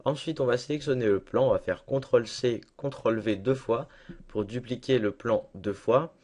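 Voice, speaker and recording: A young man talking through a casual screen-recorded software tutorial at his computer, chatty and self-deprecating, with lots of fillers. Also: medium pitch, moderate pace. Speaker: tutorial maker.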